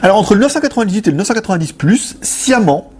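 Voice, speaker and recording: A man's voice: high voice, sing-song, fast talker, breathy edge. A young adult man hosting a loose, joking chat where he answers viewer questions. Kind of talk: casual chat.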